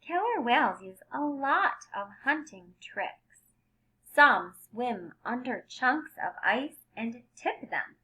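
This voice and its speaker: On a low-quality recording, a woman with a slightly high voice slowly reads a picture book to young children like a teacher. She stresses headings and key words expressively, pausing for simple explanations.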